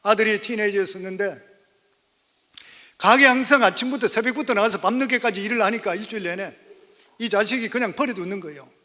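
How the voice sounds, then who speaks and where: Pastor, man in his 50s, high bright voice, preaching in a church with long reverb. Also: a little fast. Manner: storytelling sermon, rising to emphatic exhortation. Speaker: senior pastor. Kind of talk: sermon. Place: church sanctuary.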